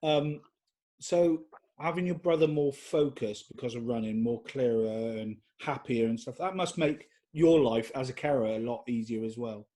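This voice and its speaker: A man hosts a podcast interview, his voice mellow and warm in tone. He asks questions easily and answers with short encouraging remarks. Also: mid-range voice, moderate pace. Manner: easygoing, brief encouraging replies. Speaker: podcast host. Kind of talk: casual interview.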